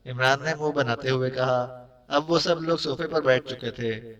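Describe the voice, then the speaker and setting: A man's voice: mid-range voice, steady tone, a bit bright, highs cut off. Man narrating a spy novel from a distance. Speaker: audiobook narrator.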